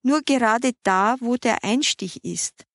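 A woman voicing a calm, composed woman who speaks matter-of-factly. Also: a little high, slow pace, no echo, studio quality, heavily acted.

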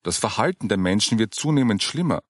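Man reading patient woman, earnest gentle explaining, lively tone, dry sound. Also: on the low side, brisk, dry recording. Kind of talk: audiobook character reading.

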